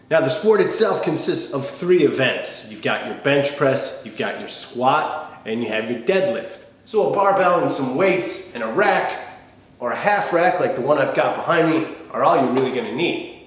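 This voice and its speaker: A man, talking to camera in a direct, colloquial, instructional way as a fitness host. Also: mid-range voice. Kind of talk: talking to camera, answering viewer questions. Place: small wood-panelled home gym, indoors. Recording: very echoey room.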